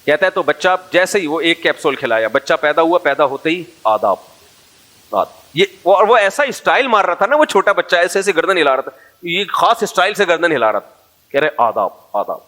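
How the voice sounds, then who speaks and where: A man's voice: a little high, big pitch swings, few pauses, bright, forceful tone. A man from Pakistan, giving a casual sermon full of jokes, stories and asides to the audience. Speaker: Islamic preacher.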